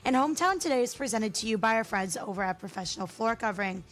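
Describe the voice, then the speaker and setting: A woman hosts a morning radio show from a studio. She reads sponsor copy in a bright, friendly tone, and her voice sits a bit higher than usual. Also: lively intonation, fast. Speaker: radio host.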